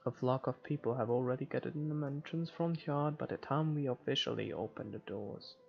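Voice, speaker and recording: Reading visual novel narration aloud for a let's play, a man speaks briskly in a gravelly, mid-range voice. The dull lo-fi mic also picks up faint game music behind him.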